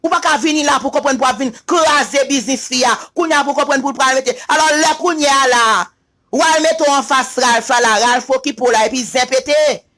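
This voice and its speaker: A Haitian-accented man holds forth in an emphatic, repetitive online rant. His voice sits very high and sounds bright and sharp. Now and then he chants his points in a sing-song way. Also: steady tone, moderate pace. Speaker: social media commentator. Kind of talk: opinion rant to camera.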